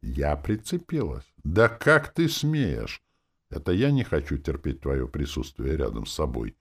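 A proud, spoiled young elf princess, acted by a male narrator, speaks in a raised, shrill voice full of indignation. Her lines rise high and sharp whenever she is offended, in a storybook reading. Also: sing-song, measured pace. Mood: indignant. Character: haughty young female elf princess, arrogant. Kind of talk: audiobook character voice.

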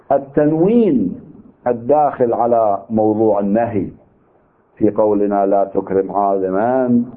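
A man with an Iraqi Arabic accent teaching a seminary lecture on legal theory, arguing his point through rhetorical questions. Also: lowish voice. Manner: argumentative, poses rhetorical questions. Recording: tinny narrow-band recording.

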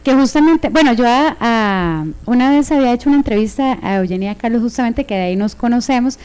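Costa rican woman radio cohost, high clear voice, really enthusiastic. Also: brisk. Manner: enthusiastic, quotes slang with animated voices. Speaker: radio show co-host.

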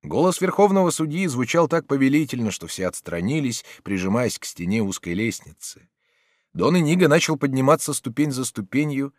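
Guy reading an audiobook, really lively pitch, dry close sound. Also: brisk, no room sound. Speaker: audiobook narrator. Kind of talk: scripted narration.

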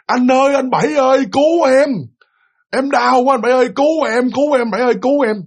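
A man's voice: fairly even intonation, fast talker, slightly rough, exaggerated voice. A man with a Southern Vietnamese accent voicing a terrified dying wife who wails and pleads for her husband to save her. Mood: anguished pleading. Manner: wailing high cries.

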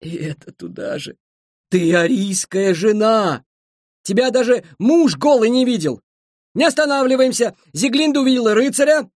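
A man voicing an excitable, fussy opera conductor who shouts stage directions in a theatrical way. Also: extremely high pitch, moderate pace, no room sound, studio quality, voice pushed up. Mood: exasperated.

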